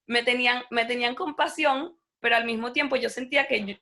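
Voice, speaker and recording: Speaking fairly quickly in a fairly high voice, a young woman whose native language is Spanish chats as an interview guest. She's lively and casual, performing the voices of the people in her story.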